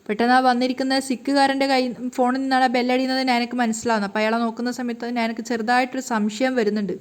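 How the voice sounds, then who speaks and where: Woman storyteller, rapid recap narration, slightly high voice. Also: little pitch movement.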